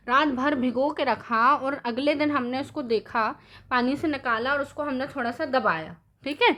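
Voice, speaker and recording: A woman's voice: high-pitched, fairly bright tone. A woman teaching a science lesson, drawing on the board, asking the class questions and answering them herself, with English terms mixed in. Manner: mixes English terms into Hindi.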